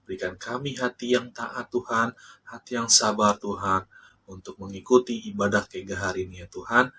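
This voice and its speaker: A man leads a children's worship service in an upbeat, friendly way. His tone is bright and forceful. He sounds somewhat distant, with faint noise behind him. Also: fairly low pitch, fairly even intonation, moderate pace. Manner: cheerful, upbeat calls to children. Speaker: children's church leader. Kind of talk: children's worship hosting and prayer.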